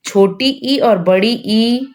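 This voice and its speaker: A woman teaching a grammar lesson for exam preparation, explaining step by step and posing questions she then answers herself, often adding a quick tag question. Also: a little high.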